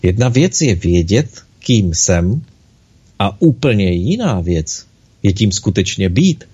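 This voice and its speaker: A man voicing a tiny, eager female soul in a spoken storybook, raising his voice to sound excited. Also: fairly low pitch, breathy edge, exaggerated voice. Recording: dull lo-fi recording.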